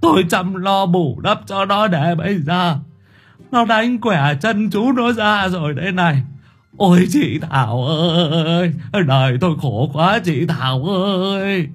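A man's voice: high voice, a little slow, breathy edge, faint music behind, voice pushed up. A man doing a wailing old village uncle. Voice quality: quavering, wailing, theatrical self-pity.

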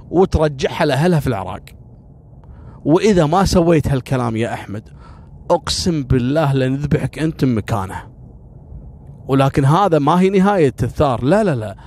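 A man's voice: fairly high pitch, a little mellow. A man voicing stern male cousins who issue a blunt, threatening ultimatum. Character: stern male clan cousins demanding revenge.

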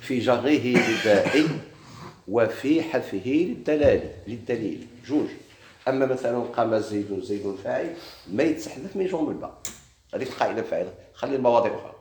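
A man's voice: mid-range voice, expressive, rapid-fire, dark tone, roomy sound. A man with a Moroccan Arabic accent teaching a grammar lesson, explaining step by step and quizzing his students with questions. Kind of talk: classroom lesson.

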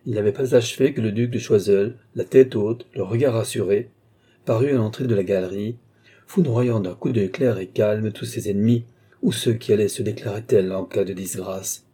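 A man reading a classic novel aloud as an audiobook narrator, lifting his pitch to voice the characters' dialogue. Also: moderate pace, dark tone, breathy edge. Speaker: audiobook reader.

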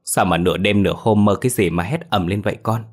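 A young village mother, voiced by a male storyteller in a spoken horror tale. She speaks soothingly to her child. The voice stays low in pitch. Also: quick pace, lightly acted. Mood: tender. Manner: soothing, affectionate.

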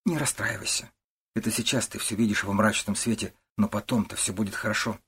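Man reading a gentle young wife, soft, hushed, pleading, breathy tone. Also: fairly low pitch, fairly even intonation, brisk. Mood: soothing.

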